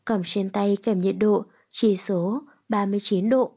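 Female narrator for a scripted story. Mellow, dark voice, even pacing. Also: mid-range voice, a little slow, husky.

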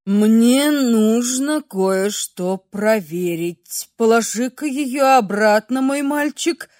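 A woman doing a slow, gentle old dragon mage. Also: extremely high pitch, expressive, no room sound, clean studio sound, full character voice. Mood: weary. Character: kind elderly male dragon mage.

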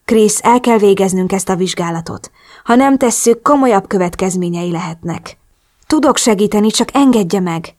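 A firm but caring woman doctor in a spoken audiobook, read by a woman narrator. She scolds briskly and reassures with steady authority. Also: mid-range voice, close to an everyday voice.

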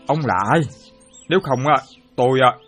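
An actor playing an excitable, boastful former soldier who loves chess, full of exclamations. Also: male voice, mid-range voice, normal speed, soft background music, close to an everyday voice. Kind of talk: radio play acting.

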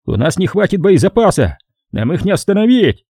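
A man voicing a hardened veteran soldier who shouts frantically, pitched well above his own voice. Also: sing-song, a little fast, husky, no room sound, studio quality, heavily acted. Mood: frantic.

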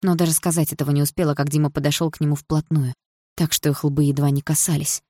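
A woman reading a first-person novel aloud in a soft, expressive way. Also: low-pitched, quick pace, no echo, studio quality. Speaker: audiobook narrator.

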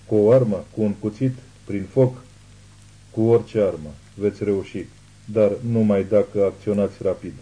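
A man's voice: lowish voice, mellow, close to an everyday voice, poor audio. A man voicing a female cult prophetess in a trance, speaking in a weak, trembling voice. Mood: urgent.

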